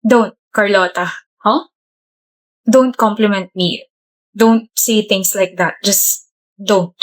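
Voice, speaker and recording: A woman voicing a gentle, soft-spoken young college man in a comedic point-of-view skit, speaking quietly and slowly. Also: medium pitch, voice pushed down, lightly acted, low-quality recording. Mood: pleading.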